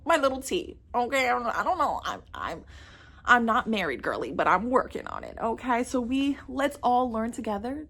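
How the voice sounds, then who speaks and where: Her voice is fairly high and a bit bright, with some vocal fry, as she offers chatty relationship advice to camera. She's a South Florida woman in her 30s, a millennial, and she calls her audience girl and babe.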